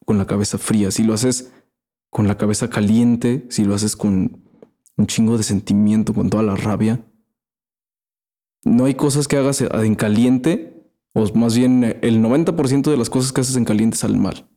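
A man's voice: fairly low pitch, normal speed, mellow. A man with a Mexican accent hosting a casual monologue, rambling in crude slang and often trailing off and restarting. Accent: Mexican Spanish. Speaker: podcast host.

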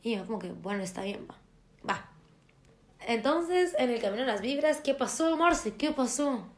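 A woman's voice: a little high, moderate pace. A young woman, chatting casually and acting out quoted dialogue as she tells a story. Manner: animated, acts out quoted dialogue.

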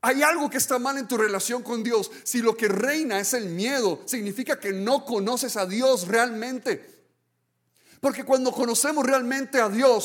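A man preaching a sermon as a pastor. He tells stories earnestly, often restarts and adds "right?" tags, and swings between hushed and excited delivery. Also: sits high. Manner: earnest storytelling, many restarts and "¿verdad?" tags. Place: church.

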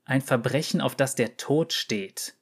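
A man's voice: medium pitch, measured pace, breathy edge. A man reading an audiobook story, voicing a hostile female veteran soldier who hisses threats. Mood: threatening. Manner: hissing and threatening.

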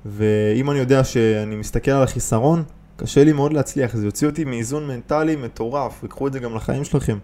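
Energetic man giving business tips, mellow voice. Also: medium pitch. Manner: energetic, emphatic, many restarts and rhetorical questions. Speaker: podcast host, business coach. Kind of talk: casual motivational podcast talk.

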